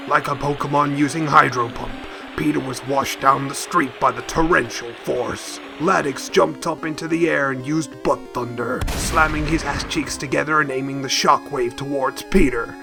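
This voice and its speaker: Deadpan man narrating a mock-epic fight. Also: mid-range voice, normal speed, creaky, music in the background. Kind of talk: comic scripted narration.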